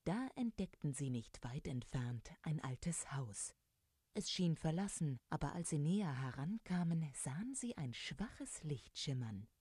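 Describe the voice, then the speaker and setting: A woman narrating a fairy tale with a low, dark, mellow voice in calm storytelling. The recording is close and dry with no room sound. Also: unhurried, husky, no room sound.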